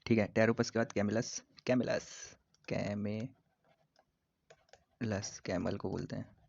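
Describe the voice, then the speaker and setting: A male biology teacher drills terms at an unhurried pace, repeating each one and slipping in jokes. His pitch stays level, with little rise or fall. The sound is dull and lo-fi, with keyboard typing and clicks in the background. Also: fairly even intonation, creaky, a little mellow. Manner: playful, repeats terms slowly, jokes with students. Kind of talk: casual exam-prep lesson. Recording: dull lo-fi recording.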